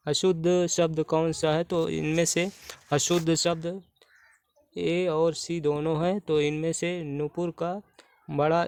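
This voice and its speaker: A man explains Hindi spelling questions for exam preparation, working through each one methodically and restating the answer. His voice is smooth and clear and sits fairly high, with a flat, even delivery. It is recorded close and dry. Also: no echo. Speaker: Hindi exam-prep teacher.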